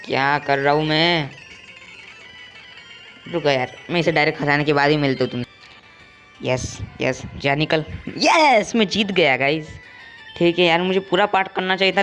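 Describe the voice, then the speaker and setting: A man giving casual commentary while playing a game, joking, taunting opponents, and slowly reading out English game text. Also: a little high, a bit bright. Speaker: gameplay streamer.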